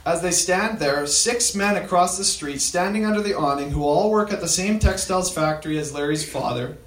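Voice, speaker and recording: Man retelling a story, halting. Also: sits high, fairly bright tone, reverberant. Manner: halting, with frequent fillers and restarts. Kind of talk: storytelling talk.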